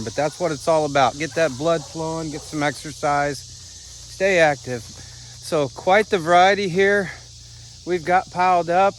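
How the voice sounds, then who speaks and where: Relaxed man vlogging outdoors. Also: on the high side, slight background noise. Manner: relaxed, explains as he shows. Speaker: firewood vlogger. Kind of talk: casual outdoor vlog. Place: outdoors at a farm.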